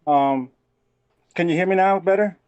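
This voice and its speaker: Breaking-up call line, high-voiced hesitant man. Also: a little mellow, clean tone, dry recording, muffled recording. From New York. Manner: hesitant, halting with many fillers. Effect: call audio breaking up. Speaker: caller. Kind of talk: call-in sports chat.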